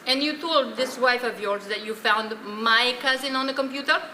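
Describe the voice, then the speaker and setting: Sounding suspicious, a woman portrays a sardonic old woman at normal speed in a high, sharp voice during a theatre play. Her dramatic dialogue mixes scolding, dry sarcasm and Yiddish-flavoured phrasing, and the far-off recording is noisy and full of echo.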